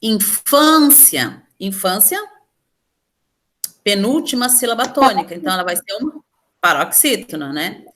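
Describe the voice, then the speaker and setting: A woman's voice: medium pitch, expressive, moderate pace, pauses often, a bit bright. Patient Brazilian woman teaching a class. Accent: Brazilian Portuguese. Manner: patient, explaining step by step, asking questions. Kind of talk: online class lesson.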